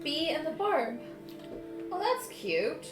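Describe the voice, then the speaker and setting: A woman's voice: high-pitched, very animated, slow pace, far from the mic. A woman playing in a tabletop game, cheerfully describing what her character does. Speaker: player. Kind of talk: tabletop role-play chat. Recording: roomy sound with music behind.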